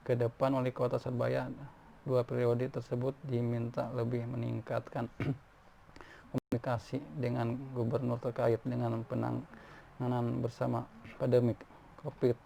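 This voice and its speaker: Gravelly man reading news, stumbling often. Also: mid-range voice, dark tone. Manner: stumbling, frequent restarts on words. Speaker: news reader. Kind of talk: reading news articles aloud. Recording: faint background noise.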